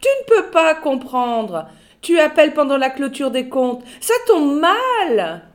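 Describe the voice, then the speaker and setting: A woman voicing a fussy, condescending secretary who gushes over the phone in a high sing-song voice. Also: very animated, takes it slowly, full character voice. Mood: gushing.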